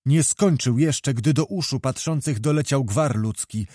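A male narrator reading a historical novel aloud, measured and expressive. His voice sits in a mid range and is recorded close and dry, with no room sound. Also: medium pitch, no room sound. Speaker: audiobook narrator.

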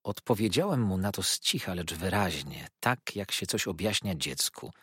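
A man narrating a classic novel as an audiobook, in a measured, expressive reading. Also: deep voice, husky, dry recording, clean studio sound.

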